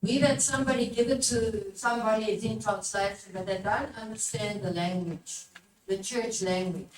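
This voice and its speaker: A woman with a darkish, mid-range voice presents a workshop to a live audience as a religious formator, urging and questioning her listeners. The recording comes from a distant mic in an echoey room, with background noise.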